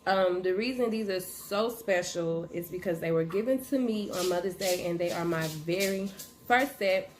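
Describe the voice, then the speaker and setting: A woman's voice: lowish voice, moderate pace. Chatty woman vlogger chewing gum. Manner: relaxed, chatty, addresses viewers as y'all. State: chewing gum while talking. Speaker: channel host. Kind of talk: casual vlog chat. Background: faint noise of her dog moving around.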